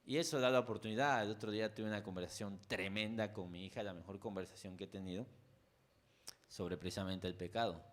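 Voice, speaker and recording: Speaking with a Mexican accent, this male pastor preaches in a conversational style, addressing the congregation directly and often going off on asides. He moves between booming, emphatic moments and soft, low passages, and his pace is a little fast.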